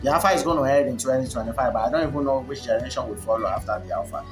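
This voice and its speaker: Over music, a Yoruba-speaking man with a medium-pitched voice races through a rambling, preachy monologue delivered unscripted to camera. As a commentator, he fills his speech with fillers and restarts.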